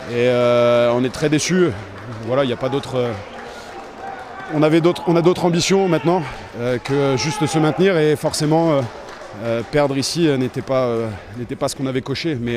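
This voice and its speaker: A man with a slightly high voice gives a post-match interview in a sports hall. Crowd and noise are clearly heard behind him as he speaks in a measured, analytical way. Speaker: handball team member giving post-match reaction.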